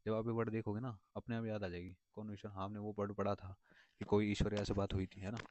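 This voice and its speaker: A man explains vocabulary quickly and casually, his lowish, darkish voice showing little pitch movement as he rambles, repeats words, circles back, and leans on fillers. The recording is dry, dull, and lo-fi.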